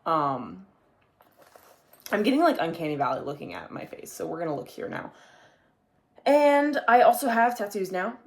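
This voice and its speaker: A young adult man hosts his own video podcast, talking casually and ramblingly to a camera on his own, and swearing now and then. His high-pitched voice is sing-song and moderately paced, with frequent pauses.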